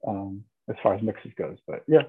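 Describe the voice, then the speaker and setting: A man's voice: on the low side, expressive, moderate pace, husky, narrow, tinny audio. A man talking casually as a podcast guest about his film and music work, hesitant with many restarts and fillers. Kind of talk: casual interview chat.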